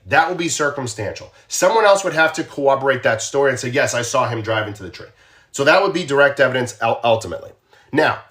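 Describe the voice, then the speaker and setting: This man, a former police officer with a Boston accent, chats casually with viewers on his true crime livestream, often posing questions to them and repeating himself. His voice sits a little high and sounds a bit bright.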